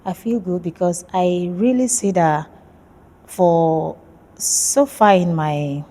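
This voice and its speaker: Nigerian-born woman doing a casual interview about her research, kinda low and warm, lots of ums. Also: takes it slowly. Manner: friendly, hesitant, many fillers. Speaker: PhD student interviewee.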